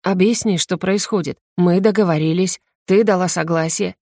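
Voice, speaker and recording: A woman's voice: fairly low pitch, steady tone, moderate pace, a little mellow, no room sound, clean studio sound. A woman reading an audiobook and voicing a jealous, desperate young male mage in her own voice, tense and pressing.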